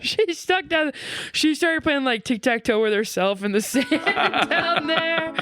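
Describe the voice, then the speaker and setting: High-voiced giggly woman, unhurried. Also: animated, over music. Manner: giggly and easygoing. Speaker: player. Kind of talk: casual out-of-character chat.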